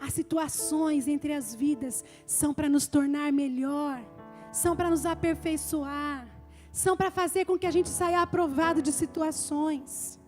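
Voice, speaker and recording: A woman's voice: high voice, fairly even intonation, unhurried, soft background music. A woman pastor preaching a live church sermon, emphatic and building her points through repeated phrases. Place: church service.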